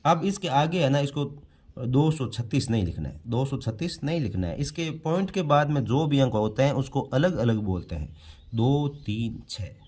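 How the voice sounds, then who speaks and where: With a medium-pitched, sing-song delivery at a normal speed, a math teacher explains a grade-school lesson on the board. His tone is darkish with a breathy edge. Step by step, he poses questions and answers them himself in classroom fashion.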